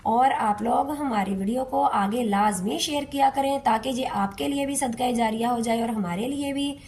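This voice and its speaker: A woman teaching Quran recitation to beginners, patiently repeating and stretching each syllable in a slow step-by-step lesson. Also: a little high, darkish tone.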